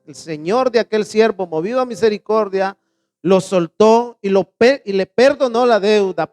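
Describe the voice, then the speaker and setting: A pastor with a high-pitched, darkish voice delivers a sermon, reading scripture slowly and emphatically. He puts questions to the congregation and then supplies the answers.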